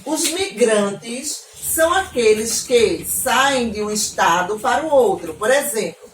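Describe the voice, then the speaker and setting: A woman from Northeast Brazil gives an online geography lesson to young pupils, warm in manner and often pausing to check they follow. Her voice sits fairly high and reaches the mic from a little distance, with echo in the room and faint background noise. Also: expressive. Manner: affectionate, frequent checking questions to pupils. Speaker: teacher. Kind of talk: online class lesson for children.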